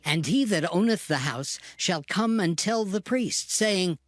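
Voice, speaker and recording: Formal male narrator, slightly high voice. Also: animated, no echo, clean studio sound. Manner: formal, deliberate phrasing. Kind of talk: scripted dramatized scripture narration. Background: background music.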